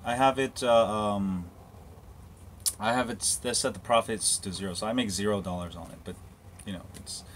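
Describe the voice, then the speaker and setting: A man's voice: on the low side, normal speed, slight background noise. A man live-streaming on a handheld phone, chatting loosely with viewers about phones and whatever comes up, wandering outdoors now and then. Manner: rambling, loose, full of restarts and asides. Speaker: tech live-streamer answering viewer questions. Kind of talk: casual live-stream chat. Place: walking around, partly outdoors.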